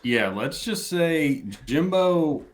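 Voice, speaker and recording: A man's voice: fairly high pitch, lively intonation, slow pace. A man talking college football as a podcast guest in casual chat, easygoing, chuckling between points and restarting phrases.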